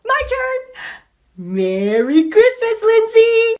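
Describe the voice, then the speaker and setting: A woman with a high, lively voice acts out a chirpy flight attendant in a short comedy sketch. She talks slowly and brightly, with her pitch leaping up and down. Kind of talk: scripted comedy skit.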